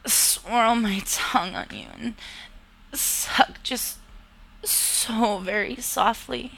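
A woman narrating an intimate second-person romantic audio story in a soft voice that often drifts into whispers. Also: fairly high pitch, drawn-out words, creaky, low-quality recording.

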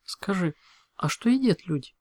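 A man's voice: high-pitched, expressive, normal speed, darkish tone, dry recording, pitched above the performer's own voice. A man voicing a kind, eager young female unicorn in an audiobook. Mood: curious. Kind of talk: audiobook reading.

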